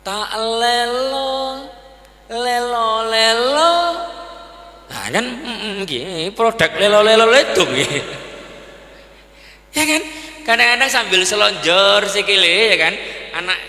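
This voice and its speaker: A man's voice: sits high, lively intonation, a little slow, pauses often, sharp tone. A man preaching a sermon in a folksy, conversational way, often asking the audience to agree. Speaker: Islamic preacher. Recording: echoey hall with long reverb.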